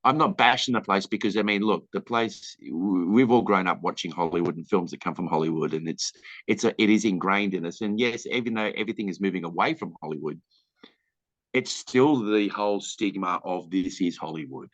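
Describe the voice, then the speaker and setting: A man's voice: low voice, fairly quick, a bit bright, no echo. An Australian man, a film director, answering interview questions in a candid, rambling way and acting out the people in his stories. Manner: candid, rambling storyteller who acts out quoted people. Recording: dull lo-fi dry recording.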